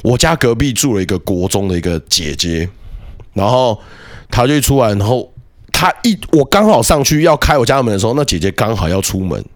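A man telling a childhood story as a podcast guest, animated, with quick repeated words and restarts. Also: medium pitch. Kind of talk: casual storytelling chat.

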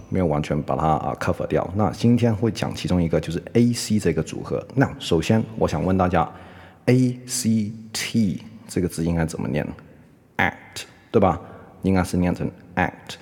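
Low husky man teaching English pronunciation. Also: darkish tone, big-room sound. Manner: mixes Chinese with English fillers like OK and right; repeats words slowly to model pronunciation. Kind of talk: casual podcast lesson.

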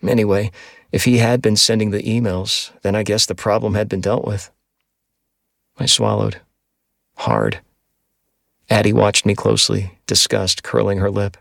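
A man narrates a first-person audiobook in a steady, even reading voice. His low voice has a gravelly grain and sits dry and close on the mic. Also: unhurried, pauses often, no room sound.

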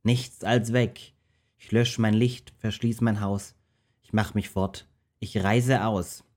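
Man reading Jona the runaway prophet, storybook voice, slow and deliberate, lowish tone. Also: steady tone, a little mellow. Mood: fearful resolve. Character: runaway prophet Jona, grown man, fearful then carefree.

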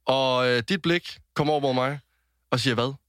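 A man's voice: mid-range voice, fairly bright tone, no echo, studio quality. Hesitant young man narrating a mishap. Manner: narrates slowly with many hesitant fillers. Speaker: podcast co-host. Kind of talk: casual podcast chat.

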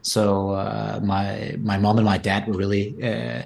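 A man's voice: lowish voice, flat delivery, unhurried, gravelly, darkish tone. A man in his forties from Denmark with a Danish accent, a guest on a podcast interview, talking thoughtfully with many restarts. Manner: frequent restarts and repeated words, thoughtful. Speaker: guest entrepreneur.

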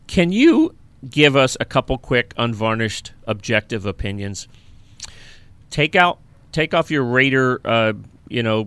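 A man's voice: mid-range voice, fairly bright tone, clean tone, no echo. A man hosting a sports podcast, asking questions in a friendly way. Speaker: podcast host. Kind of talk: podcast interview.

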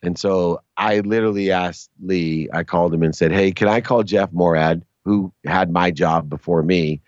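Middle-aged man, sports agent guest, casual animated storytelling, lowish voice, dry dull recording. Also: normal speed, no echo. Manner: animated, jumps to high pitch for quoted voices.

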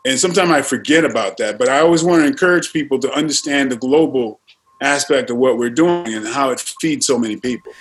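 A man speaks earnestly on a panel about the reach of martial arts films. His talk is halting, full of fillers and restarts, in a mid-range voice. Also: mid-range voice, poor audio. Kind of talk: panel discussion.

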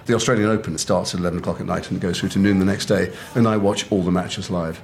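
A middle-aged man from England, an actor telling lively anecdotes over lunch and acting out the other people's lines. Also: low voice, fast. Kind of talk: casual chat, animated anecdote. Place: restaurant table.

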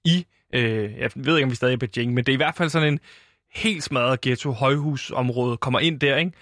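A man telling an absurd story in deadpan style, rambling and laughing at his own tale. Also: medium pitch, dry recording, clean studio sound. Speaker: storyteller in comic interview.

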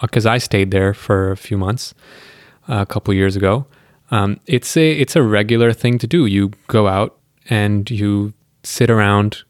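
Low-voiced man hosting a podcast chat. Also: moderate pace, dry recording, clean studio sound. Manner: friendly, rambling, hesitant. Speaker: podcast host. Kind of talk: casual conversation.

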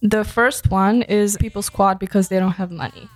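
A woman's voice: mid-range voice, steady tone, normal speed, soft background music. Serbian-born woman explaining on a podcast. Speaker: podcast co-host. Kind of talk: casual podcast chat.

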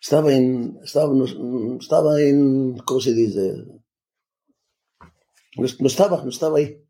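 Older man telling his story, halting. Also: mid-range voice, warm tone. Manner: halting, restarts often, salty slang. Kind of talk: personal storytelling, casual.

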